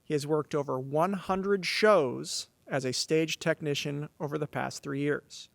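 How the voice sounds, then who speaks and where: Male announcer for a school knighting ceremony, moderately high pitch, formal reading, dry podium-mic sound. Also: measured pace, vocal fry, dry recording. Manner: formal, addresses the audience as ladies and gentlemen. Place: stage of a large auditorium. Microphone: podium microphone.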